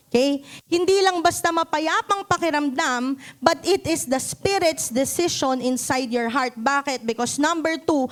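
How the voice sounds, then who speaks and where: Filipino woman pastor, high voice, lively sermon to a church, keeps asking the room questions. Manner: asks the congregation questions often; acts out quotes in voices. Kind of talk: Taglish sermon. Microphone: handheld mic.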